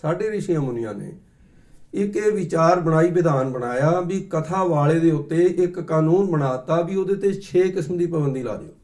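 A middle-aged man giving a sermon, telling stories and explaining recitation slowly. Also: fairly high pitch, lively intonation, a little mellow. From Punjab. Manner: storytelling, acts out quoted voices, slow deliberate explanations. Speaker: Sikh preacher. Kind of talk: katha sermon with anecdotes.

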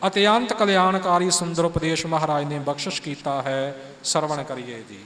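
A man with a high voice teaches the recitation of Sikh scripture, moving from calm explanation into slow sung lines that show the right pronunciation. His voice carries a long reverb, as if he is in a large hall. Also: slight background noise. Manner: explains calmly, then sings lines slowly to model pronunciation.

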